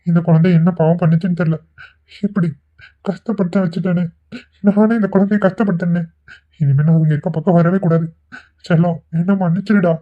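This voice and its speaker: A man voicing a gentle young man in a cartoon who pleads earnestly and gets flustered. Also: high-pitched, steady tone, fairly quick, lightly acted. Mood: sorrowful. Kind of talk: cartoon voice acting. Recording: tinny phone-like recording.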